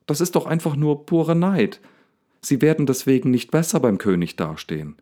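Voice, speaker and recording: A man's voice: on the low side, lively intonation, unhurried, darkish tone, pitched above the performer's own voice. A man voicing Daniel, furious and near hysterical. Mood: indignant. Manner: angry, indignant outbursts. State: slightly hysterical. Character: agitated young man Daniel thrown to a lion.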